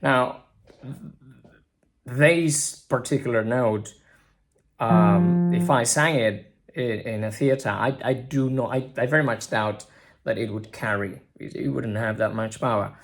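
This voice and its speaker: A man, an Italian native speaker, teaching singing in a casual spoken lesson. He talks haltingly with many restarts and drawn-out words, now and then singing a note, into a simple microphone. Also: medium pitch, creaky. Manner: halting, many restarts, drawls words, breaks into sung notes.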